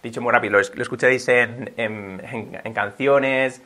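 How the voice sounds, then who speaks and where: A man's voice: medium pitch, steady tone, moderate pace, bright, forceful tone. Upbeat Spanish-accented male teacher. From Spain. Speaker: English teacher. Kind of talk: video language lesson.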